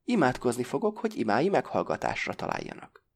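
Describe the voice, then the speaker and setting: A man's voice: medium pitch, sing-song, husky. A man voicing a frail, stiffly composed man who speaks weakly and carefully, with dry mockery and German-tinged sounds. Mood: mocking. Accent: German-tinged pronunciation of French sounds. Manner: weak, carefully formed words, dry mockery.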